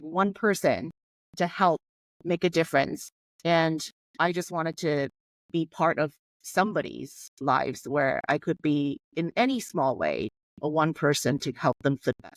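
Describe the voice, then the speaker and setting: A low-pitched woman in her forties, originally from Hong Kong, appears as a guest on a conversational podcast interview. She tells her life story candidly and reflectively, and the recording has no room sound.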